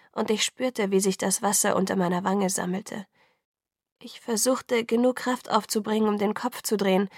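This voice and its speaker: A woman narrating a story in a subdued, hushed way, often sinking into a whisper. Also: medium pitch, breathy edge, dry recording, clean studio sound. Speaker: audiobook narrator. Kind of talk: scripted narration.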